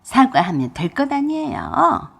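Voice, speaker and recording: A woman voicing a stubborn older mother-in-law who nags loudly and shrilly. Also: wildly swooping pitch, a little slow, gravelly, husky, exaggerated voice. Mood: sulky. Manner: loud, shrill nagging.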